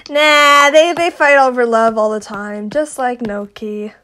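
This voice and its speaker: A young woman with a high voice hosts a casual question-and-answer video. She jokes, swears and bursts into dramatic outbursts as she goes. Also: unhurried, bright, forceful tone. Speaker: channel host. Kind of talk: casual Q&A chat. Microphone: home microphone.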